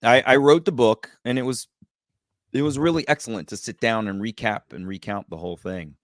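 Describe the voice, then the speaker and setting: Animated man telling a story. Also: mid-range voice, a little fast, dry recording, studio quality. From United States. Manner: animated, acts out quoted voices. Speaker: podcast guest. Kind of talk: storytelling in a casual interview.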